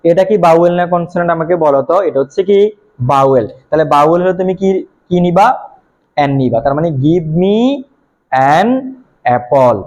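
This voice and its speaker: A young man teaching a video lesson to students, asking questions and answering them himself, repeating each point slowly and patiently. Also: high-pitched, a little mellow, rough recording. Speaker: English teacher.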